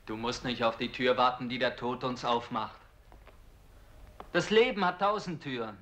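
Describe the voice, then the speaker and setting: A man's voice: mid-range voice, normal speed, fairly bright tone, a little hiss or hum, close to an everyday voice. A man voicing the Other, an insistent male yes-sayer who urges a despairing soldier to live, in a dramatic reading of a stage play. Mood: urgent, coaxing. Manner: urgent, coaxing, insistent.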